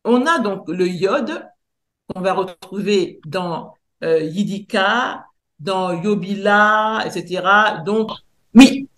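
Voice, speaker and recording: A woman researcher giving a lecture presentation, pausing often to search for words and spelling out sounds slowly and carefully. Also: mid-range voice, animated, fairly bright tone, roomy sound. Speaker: researcher and theologian presenting a decoding.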